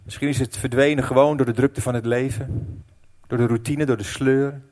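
A middle-aged man preaching a sermon as pastor, telling a personal story with emotion, dropping to a hush and then rising loud. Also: medium pitch, steady tone, moderate pace. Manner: emotional storytelling, swinging between hushed and loud.

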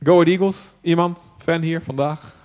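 Animated Dutch-born preacher in an echoing hall. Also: male voice, fairly high pitch, normal speed. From Netherlands. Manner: animated storytelling, acts out voices, swings from hushed to loud. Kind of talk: sermon to a live audience. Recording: long hall reverb.

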